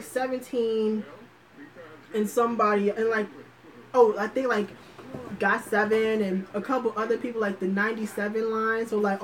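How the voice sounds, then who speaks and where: A woman holds a casual livestream chat at a mid pitch, talking loosely and thinking aloud as she goes. Her speech is slangy and profane, with lots of fillers and restarted sentences. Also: low-quality recording. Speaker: livestream host.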